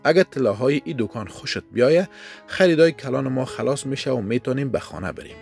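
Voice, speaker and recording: A man with an Afghan Dari accent voicing a kind, gently humorous middle-aged mother. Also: mid-range voice, expressive, vocal fry, breathy edge, soft background music. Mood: gentle.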